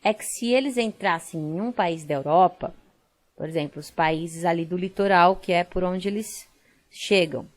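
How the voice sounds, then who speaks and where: A woman's voice: on the low side, normal speed. Chatty Brazilian woman teaching a class. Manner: chatty, explains step by step with fillers. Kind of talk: online classroom lesson.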